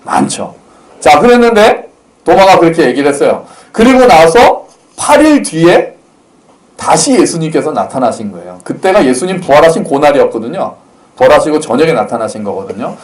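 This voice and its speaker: A man preaching in a relaxed storytelling style, his somewhat high voice rising and falling in a very animated way. He talks to the congregation like a friend, slipping into the voices of the people in the story and adding touches of gentle humor. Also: moderate pace. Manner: storytelling, acts out quotes, lightly humorous. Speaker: pastor. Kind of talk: conversational sermon.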